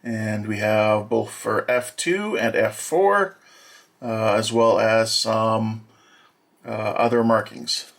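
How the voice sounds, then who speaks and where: A man's voice: on the low side, vocal fry, a bit bright. Hesitant man describing kit parts. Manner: hesitant, many filler pauses; plain, matter-of-fact describing. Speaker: hobby model builder. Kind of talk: unboxing walkthrough.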